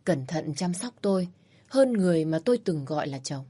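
A woman's voice: lowish voice, lively intonation, moderate pace, warm tone, slightly rough. A woman narrating a first-person story, reading animatedly and flaring into indignant dialogue.

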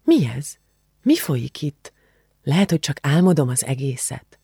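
A man's voice: a little high, sing-song, warm tone, breathy edge, dry recording, clean studio sound, full character voice. Man voicing a bewildered young woman.

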